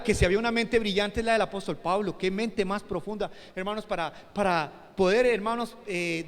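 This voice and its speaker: High-pitched shouting pastor in a hall. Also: male voice. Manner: swings from soft to shouting, calls out to the congregation. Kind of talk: sermon.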